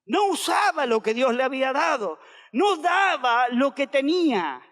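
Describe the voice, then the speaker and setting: A man's voice: extremely high pitch, sing-song, measured pace, a bit bright. A man with an Argentine accent, a pastor preaching emphatically and repeating phrases for the congregation to say back. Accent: Argentine Spanish. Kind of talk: sermon. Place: auditorium. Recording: long reverb of a large hall.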